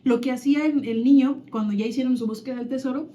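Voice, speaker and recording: A woman's voice: sits high, steady tone, quick pace, dark tone. A woman co-hosting a casual chat, reading children's quotes aloud and reflecting on them, thinking aloud with many restarts. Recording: dull lo-fi sound.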